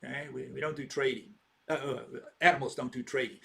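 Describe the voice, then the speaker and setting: A man's voice: mid-range voice, fairly even intonation, brisk, gravelly, fairly bright tone. A man in his sixties giving a rambling informal lecture, posing rhetorical questions and checking in with "okay?". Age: 60s.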